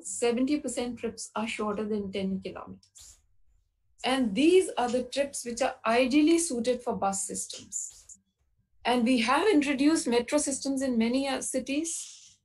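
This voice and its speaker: A woman presents her slides in a webinar, her voice sitting a little high. She explains point by point at a steady, careful pace, often pausing on fillers. It sounds like a video-call recording. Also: low-quality recording. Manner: measured explanatory delivery with frequent uh fillers.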